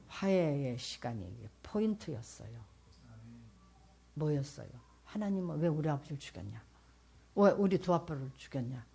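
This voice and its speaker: An older woman from South Korea giving an earnest church testimony as a pastor's wife, speaking straight to the audience and swinging between loud and soft. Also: low-pitched, husky. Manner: earnest, addresses the audience directly.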